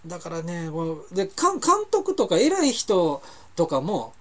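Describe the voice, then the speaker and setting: A man's voice: high-pitched, wildly swooping pitch, measured pace, fairly bright tone. A man with a Kansai accent hosting a talk show, telling rambling anecdotes in a casual monologue and often correcting himself mid-sentence. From Kansai, Japan. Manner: chatty, rambling anecdotes with frequent self-corrections. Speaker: host of a web talk show.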